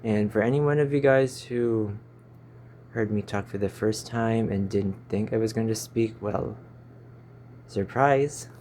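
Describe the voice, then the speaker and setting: Recorded on a phone in a cramped, stuffy room, this man in his 20s from the Philippines chats to his YouTube channel and trips over his words. His voice sits on the low side, a little mellow, at a measured pace, with slight background noise.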